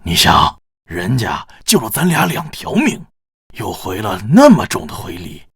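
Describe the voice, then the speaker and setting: An actor playing a boastful, competitive older rich patriarch who brags and teases. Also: male voice, fairly low pitch, huge pitch swings, unhurried, creaky, a bit bright, husky, no echo, studio quality, heavily acted. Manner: bragging, teasing.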